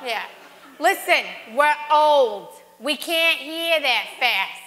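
A woman's voice: high-pitched, lively intonation, takes it slowly, in a large hall, noisy background. A woman playing a brash, wisecracking older woman customer in a church stage skit. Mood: bossy. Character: brassy old woman diner customer, bossy and wisecracking. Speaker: actor in a church Christmas skit. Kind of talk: live stage comedy sketch.

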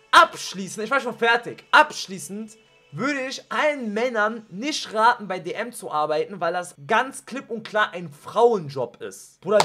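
A young man streaming, telling school stories to his chat in a slangy, animated way. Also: high-pitched. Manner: animated, slangy, gets loud and worked up when retelling. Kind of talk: casual storytelling to stream chat.

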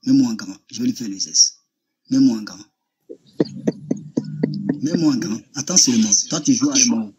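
A man's voice: medium pitch, normal speed, long pauses, heavy background noise. A man, insistently describing a voice he heard during a heated debate over a video call. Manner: insistent, describes with gestures on camera.

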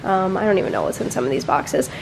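A woman's voice: sits low, big pitch swings, fast talker, gravelly, background noise. A woman in her twenties talking casually through a home vlog, rambling with lots of "like" fillers while filming on a handheld phone indoors. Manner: chatty, rambling, many "like" fillers. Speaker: vlogger. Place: apartment rooms and closet, indoors. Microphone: handheld phone camera.

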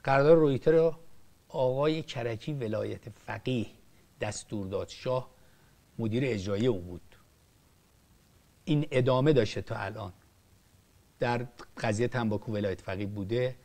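A man's voice: mid-range voice, long pauses, mellow. An older man, a film director, giving impassioned political commentary with emphatic rises and drops and frequent restarts. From Iran. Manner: emphatic, rising and falling sharply, frequent restarts.

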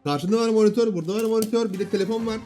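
A man in his thirties at home giving casual gameplay commentary, bantering and often shouting at his kids. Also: sits high, fairly even intonation, racing, faint music behind. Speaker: gaming YouTuber and father. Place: home room.

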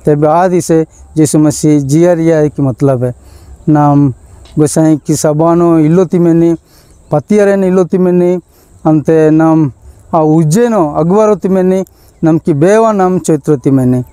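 A man with a Malto accent, a bishop giving an Easter sermon in a measured preaching manner with pauses. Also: on the high side, warm tone, clean tone, no room sound.

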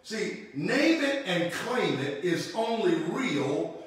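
A man's voice: high-pitched, very animated, takes it slowly. A middle-aged man preaching a sermon at a lectern, repeating key lines and calling out to the congregation. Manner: preaching with call-outs and repetition, sweeping gestures. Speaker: pastor. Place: church room with logo backdrop, standing at a lectern. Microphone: far camera. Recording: echoey room, mic far off.

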